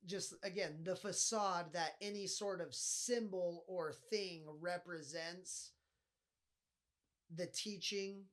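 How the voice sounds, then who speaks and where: A man's voice: high-pitched, fairly even intonation, slow, a bit bright. A man with a nasal voice hosting a casual solo podcast, rambling and swearing often as he talks. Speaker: podcast host.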